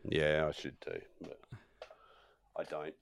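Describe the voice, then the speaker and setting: A man's voice: rumbling low, monotone, takes it slowly, vocal fry, clear, resonant tone, no echo. A man co-hosting a podcast, laid-back and hesitant with fillers. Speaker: podcast co-host. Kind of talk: casual comedic chat.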